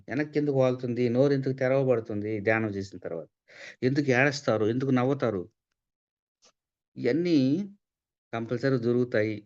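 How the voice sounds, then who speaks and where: A man's voice: medium pitch, a little mellow. Man giving an emphatic spiritual talk. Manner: rhetorical questions, emphatic repetition. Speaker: spiritual speaker. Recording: slightly dull lo-fi sound.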